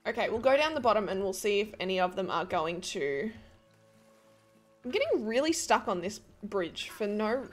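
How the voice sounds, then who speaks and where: A young woman chats through a game as its host, excitable and quick to laugh. Her voice swoops up and down with lively pitch. Soft music plays faintly underneath. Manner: gushing, excitable, laughs often. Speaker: game streamer. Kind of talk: casual gameplay commentary.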